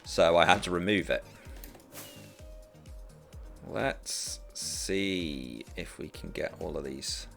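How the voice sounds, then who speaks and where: This Norwegian streamer from rural Western Norway has a sore throat and a deep, gravelly, slightly bright voice. He talks slowly and pauses often, chatting and rambling with many restarts as he games over faint music.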